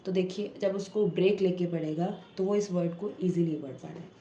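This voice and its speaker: A woman teacher explaining reading methods to parents at an unhurried pace, sometimes sounding out word parts slowly. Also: fairly low pitch, fairly even intonation, dark tone, dull audio. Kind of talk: home tutorial for parents. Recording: echoey room with faint background noise.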